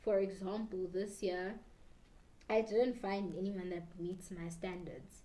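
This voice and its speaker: A woman's voice: mid-range voice, little pitch movement, takes it slowly, warm tone. A slightly tipsy South African woman in her twenties chatting casually and ramblingly while doing her makeup, switching between English and Zulu. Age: 20s. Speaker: beauty YouTuber. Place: small bedroom indoors.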